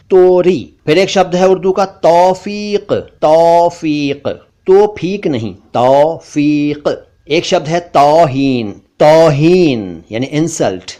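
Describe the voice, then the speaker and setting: Man, pronunciation teacher, slow measured drilling, repeats words to contrast. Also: mid-range voice, a little mellow. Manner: slow, deliberate word-by-word drilling, contrasting wrong and right forms. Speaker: language teacher. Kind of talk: pronunciation lesson.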